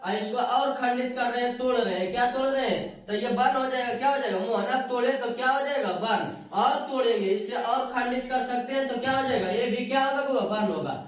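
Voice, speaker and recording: Male teacher, repetitive call-and-response delivery, recorded off-mic in a booming room with muffled sound. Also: brisk, few pauses. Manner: repetitive question-and-answer drilling, affectionate. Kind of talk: spoken video lesson. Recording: very echoey room, far from the mic, dull sound.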